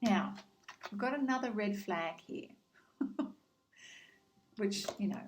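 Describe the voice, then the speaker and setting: A woman doing a casual spoken tarot card reading, gentle and reassuring, with frequent ums as she speaks straight to the listener. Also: medium pitch, expressive, normal speed, slight background noise, low-quality recording. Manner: addresses the listener directly by star sign.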